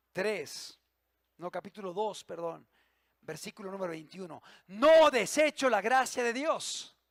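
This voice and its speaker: Male pastor, very high gravelly voice, fervent sermon, dry close sound. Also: no echo. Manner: impassioned preaching, swings from loud emphasis to hushed low asides.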